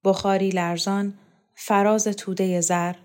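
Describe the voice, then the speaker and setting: A woman reads a literary novel aloud in a calm, measured storytelling voice. Her pace is deliberate, and she gives each sentence its own weight. Her pitch sits in the middle range. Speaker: audiobook reader. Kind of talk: scripted literary narration.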